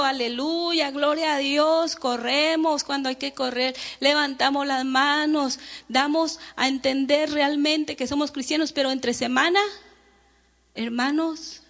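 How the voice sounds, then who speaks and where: A woman's voice: high voice, a bit bright, big-room sound. A woman preacher giving a fervent sermon to her congregation, calling them brothers and sisters and acting out the prayers she quotes. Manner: dramatizes quoted prayers and speech.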